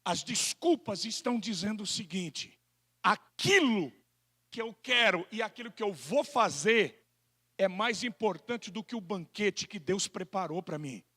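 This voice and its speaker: A male pastor with a Brazilian Portuguese accent, preaching an animated sermon and acting out people's excuses in quoted voices. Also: sits high, a little slow.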